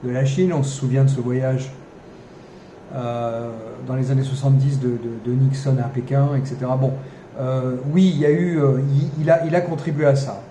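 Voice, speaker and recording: A man's voice: medium pitch, little pitch movement, normal speed, dark tone. A man hosting a podcast, talking off the cuff with many fillers, restarts and wry ironic asides. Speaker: podcast host. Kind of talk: unscripted commentary monologue. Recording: echoey room, faint background noise.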